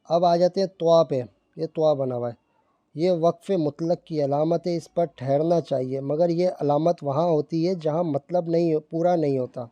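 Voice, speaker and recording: A man teaching Quran reading in Urdu, explaining patiently and reciting verses slowly. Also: on the high side, steady tone, warm tone, dry recording, lo-fi sound. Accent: Pakistani Urdu.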